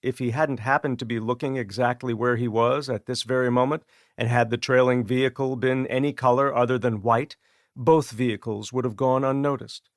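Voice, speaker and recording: A man reads an audiobook in a measured, steady way. His voice sits mid-range and sounds close and dry, as in a studio booth. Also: medium pitch, no room sound. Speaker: audiobook narrator. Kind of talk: scripted narration.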